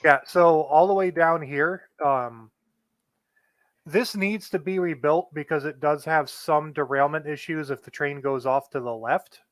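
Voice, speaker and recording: A man co-playing on a game stream, explaining things in a flat, monotone way. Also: fairly high pitch, measured pace, no room sound. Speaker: guest co-player. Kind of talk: casual gameplay explanation.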